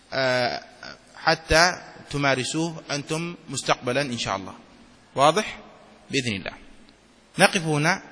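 A man's voice: mid-range voice, pushed and bright, slightly rough. A man teaching Islamic law to a class, reading a text aloud and explaining it, often checking that his students follow. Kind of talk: classroom lecture on a fiqh text. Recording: hall reverb.

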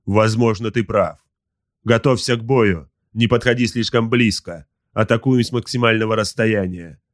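Man voicing a wrathful space marine captain, low voice, loud commanding orders, dry close audiobook sound. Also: normal speed, no echo, close to an everyday voice. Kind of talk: audiobook character voice.

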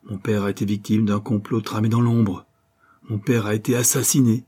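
A man's voice: fairly low pitch, little pitch movement, normal speed, warm tone, slightly rough. A man voicing a distraught young woman, a grieving banker's daughter, in a pleading, emphatic audiobook reading. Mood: anguished.

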